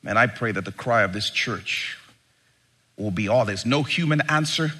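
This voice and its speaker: A man's voice: fairly low pitch, expressive, moderate pace, bright, forceful tone, breathy edge. A man preaching an impassioned sermon in the style of a rally speech, with emphatic rhetorical questions and dramatic swings between restraint and full force.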